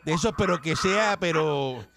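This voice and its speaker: A man's voice: on the high side, animated, normal speed, vocal fry, fairly bright tone, a little hiss or hum. A man with a Puerto Rican accent hosting a call-in radio show, teasing and joking with his callers in casual banter. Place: radio studio.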